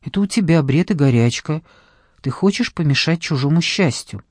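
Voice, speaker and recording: A woman voicing a calm, mildly ironic young fiancé, speaking low, measured and soothing. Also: dry recording, clean studio sound.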